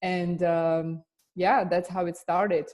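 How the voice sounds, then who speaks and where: A woman's voice: fairly low pitch, level tone, slow pace, a little mellow. A woman from Slovakia with a Slovak accent, an immigration attorney answering interview questions earnestly, often restarting her sentences. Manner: earnest, with frequent fillers and restarts. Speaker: immigration attorney and business coach.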